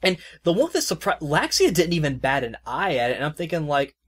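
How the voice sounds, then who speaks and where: A man's voice: on the high side, very animated, brisk, a bit bright. A man hosting a podcast, chatting casually in a loose, rambling way full of fillers, and laughing easily. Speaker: podcast host reviewing a video game. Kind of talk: casual chat.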